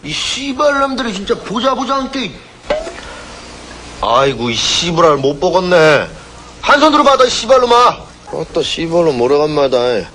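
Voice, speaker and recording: A man's voice: sits high, very animated, normal speed, background noise. A man rattling off a stream of curses, recorded from a distance.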